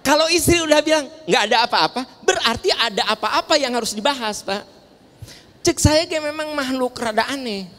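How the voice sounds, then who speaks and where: Sundanese preacher in an echoing mosque. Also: male voice, very high-pitched, expressive, moderate pace, sharp tone, slight background noise. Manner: playful, teasing the audience with jokes and questions. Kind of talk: humorous sermon to a mosque audience. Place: large mosque hall. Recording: long hall reverb in a large mosque.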